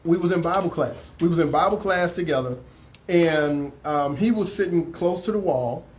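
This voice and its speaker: A man's voice: on the high side, normal speed, darkish tone, a little hiss or hum. A man hosting a casual interview, affirming his guest and often repeating his words. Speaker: talk show host.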